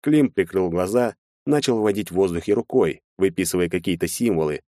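A man's voice: deep voice, animated, brisk, dark tone, dry recording, clean studio sound. A man narrating a first-person audiobook in a weary, sardonic tone.

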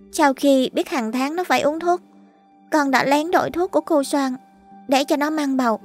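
A woman voicing a secretive little girl who holds her dead mother's soul, speaking in a high, soft, pleading childlike voice in a ghost story.

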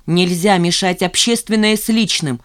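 A woman voicing a sharp-tongued, indignant office woman who scolds her coworkers. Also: lowish voice, normal speed, close to an everyday voice. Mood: scolding indignant. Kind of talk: audiobook character voice.

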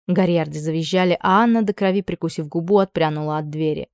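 A woman reading a fantasy story aloud in a steady, measured way. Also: deep voice, smooth, no room sound, studio quality. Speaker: audiobook narrator. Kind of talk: scripted fantasy narration.

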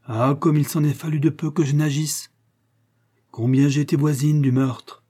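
A man reading the part of an aristocratic woman confessing a dark temptation, in an intense, grave manner. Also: on the high side, little pitch movement, moderate pace, pitched above the performer's own voice, natural voice.

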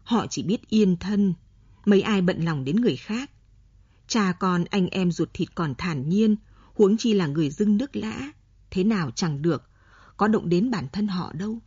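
A woman reads a novel aloud in steady, scripted narration. Her voice is mellow and somewhat husky. The recording is close and dry, with a slightly muffled, dull tone. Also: mid-range voice, normal speed, no room sound. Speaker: audiobook narrator.

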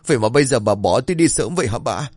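A man's voice: medium pitch, animated, fast, slightly rough, no echo, pitched above the performer's own voice. A man voicing a heartbroken old husband. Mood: anguished. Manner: anguished, crying out.

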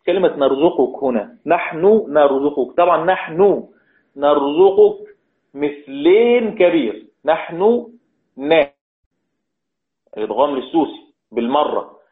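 A man teaching a religious lesson on Quran recitation. He explains step by step, repeats key words and draws out the example words slowly. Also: a little high, lively intonation. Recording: tinny phone-like sound in an echoey room.

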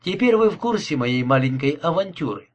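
A man's voice: on the high side, animated, muffled recording. Man putting on a cold courteous killer. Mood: cold menace. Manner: politely mocking, unhurried. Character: cold courteous male killer, calm and menacing.

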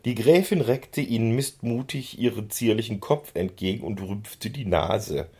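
A man reading a children's book aloud in an expressive storytelling manner, on a handheld recorder. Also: on the low side, a little slow, husky. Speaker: reader.

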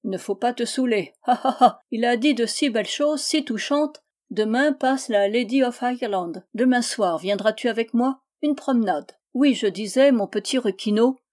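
A woman reading aloud, voicing a drunken, boisterous male ship pilot who rambles on excitedly in a singsong way. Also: on the high side, normal speed, few pauses, lightly acted. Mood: tipsy giddy.

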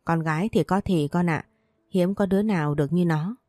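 A woman's voice: lowish voice, a little fast, darkish tone, no room sound, natural voice. A woman reading the lines of a fond and bossy older mother from the countryside in a storybook, in a plain read-aloud delivery.

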